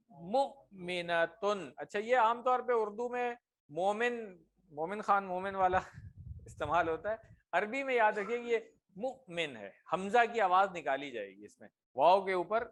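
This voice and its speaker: A man teaching a grammar class, drilling words slowly and often checking that his students follow. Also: high-pitched, fairly bright tone. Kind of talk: classroom lesson.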